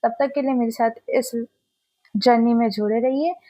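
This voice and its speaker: A young woman vlogger telling a personal story in a casual, animated way, acting out sounds and her own past words. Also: a little high, moderate pace, dry recording.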